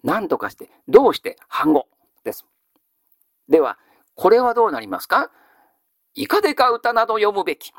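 A man's voice: high voice, wildly swooping pitch, fairly bright tone, no echo, clean studio sound. Male teacher quizzing a class. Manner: measured, quizzing, then answering own questions. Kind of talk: classical Japanese grammar lesson.

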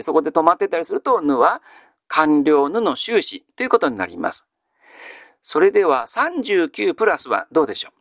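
A male teacher giving a grammar lesson. He asks a question, then answers it himself in a measured way. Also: on the high side, fairly bright tone, no room sound, studio quality. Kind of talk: classical Japanese grammar lesson.

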